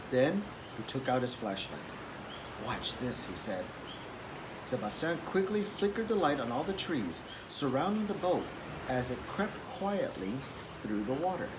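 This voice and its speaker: A man with a medium-pitched voice reads a children's picture book aloud, telling the story expressively and deliberately, with a clearly noisy background.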